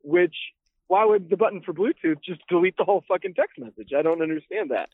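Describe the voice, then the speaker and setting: Over an old flip phone call, a man phones in as a guest and chats casually in a thin, band-limited, dry and close-sounding voice. His pitch sits high, and he's animated, a little fast and husky. He keeps it laid-back, with plenty of fillers and casual cursing.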